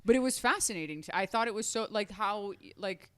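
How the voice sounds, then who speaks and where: Deadpan podcast interviewer, dry close sound. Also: mid-range voice, a little fast, clear, resonant tone, no room sound.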